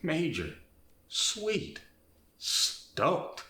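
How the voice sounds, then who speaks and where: A chill, dim young Valley guy for a comic nineties character demo. His valley-girl drawl is slow and swoops widely, with rising ends and constant "like" and "bro", in an echoey room. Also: fairly high pitch, wildly swooping pitch, bright, forceful tone, voice pushed up, exaggerated voice. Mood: slangy, stoked. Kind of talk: comic character demonstration in accent lesson. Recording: roomy echo.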